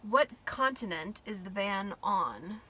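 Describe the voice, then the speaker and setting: A woman's voice: medium pitch, animated, slow pace, very noisy. A young American woman from Idaho, reading out questions in a casual Q&A and laughing easily. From Idaho, United States. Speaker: co-host asking questions. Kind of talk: casual Q&A chat.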